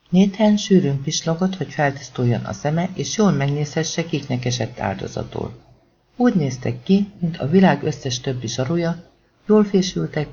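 A man narrating a thriller audiobook with tense, dramatic delivery. His voice is slightly high for a man, gravelly and dark-toned, and the recording sounds dull and lo-fi.

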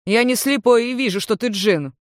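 A reader voicing a hot-tempered red-haired young man who shouts accusations. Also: mid-range voice, moderate pace, no echo, clean studio sound, pitched above the performer's own voice, natural voice. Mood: angry. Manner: angry, accusing.

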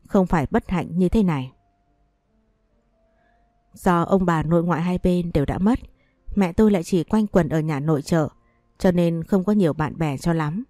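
A woman's voice: lowish voice, mellow, dry recording, clean studio sound. A woman narrating a sorrowful first-person story in a somber, scripted telling.

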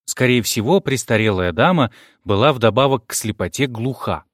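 A man's voice: medium pitch, animated, normal speed, dry recording, studio quality. A man narrating an audiobook in the first person, wry and polite.

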